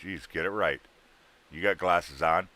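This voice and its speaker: This thirtysomething man runs a casual livestream, joking with guests in trucker slang. His voice sits low and sounds bright and forceful, and he keeps a measured pace.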